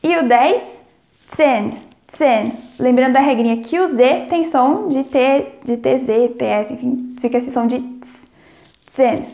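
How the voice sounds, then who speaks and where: A woman teaching German numbers in Portuguese, explaining clearly and slowing down to model each word's pronunciation. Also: high-pitched, warm tone, reverberant. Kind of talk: language lesson.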